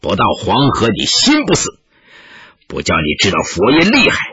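A man voicing a fierce, menacing red-robed lama who shouts threats in a gruff, low voice, on a dull lo-fi recording. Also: wildly swooping pitch, moderate pace, no room sound, heavily acted.

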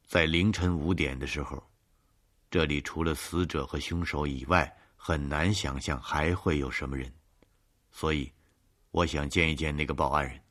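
A calm, cold male detective in an audiobook mystery, speaking softly and evenly, voiced by a narrator in his own very deep voice. His questions come measured and controlled. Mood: quiet.

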